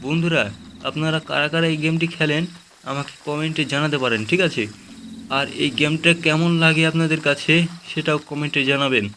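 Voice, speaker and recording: A man hosting a gaming channel, chatting excitedly with viewers as he plays. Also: a little high, normal speed, slight background noise. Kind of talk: game commentary.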